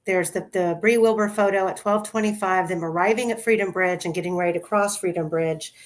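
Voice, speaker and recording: A woman with a lowish, brisk voice hosts a casual video-call discussion, sharing her screen to show trial photos. Through her computer mic, she works through the images one by one, methodical and steady.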